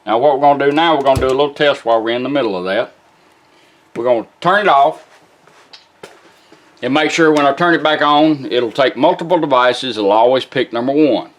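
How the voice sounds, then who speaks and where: As music plays from the restored vintage car radio he's showing off, a plainspoken man with a mid-range voice gives a casual, folksy hands-on walkthrough. He talks a little fast.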